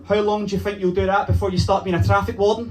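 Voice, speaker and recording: A young Glaswegian man working a comedy club crowd, his voice sitting high for a man as he fires off punchy, sweary stories and bursts into shouted character lines. The stage mic picks up clear background noise under him. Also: little pitch movement, quick pace. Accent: Glaswegian Scottish. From Glasgow, Scotland. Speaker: stand-up comedian. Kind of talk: stand-up comedy set. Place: comedy club with a live audience. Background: audience laughter.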